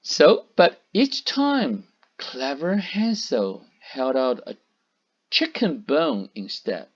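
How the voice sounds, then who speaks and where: Slow, animated man reading a storybook. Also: mid-range voice, breathy edge. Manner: stops to explain words and point at pictures. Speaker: storyteller for children. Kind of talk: storybook read-aloud. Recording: dull lo-fi recording.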